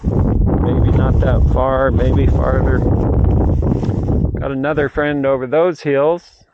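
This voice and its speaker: Out on a mountain bike trail, a middle-aged man who vlogs and does amateur radio muses aloud in a rambling, casual outdoor chat. He speaks slowly at a medium pitch with little movement, and the recording is muffled with distinct background noise.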